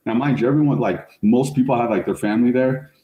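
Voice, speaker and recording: A middle-aged man, a fire service officer, telling a story as a podcast guest in a casual, animated way, full of slang. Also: mid-range voice, quick pace, highs cut off. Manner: animated, slangy, says "like" and "bro" often. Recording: roomy echo.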